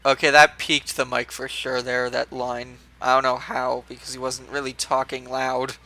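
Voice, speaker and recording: Bright-voiced young man rambling over gameplay. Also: mid-range voice, monotone, normal speed, soft background music. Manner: rambling, lots of fillers and restarts. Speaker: streamer. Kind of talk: casual gameplay commentary.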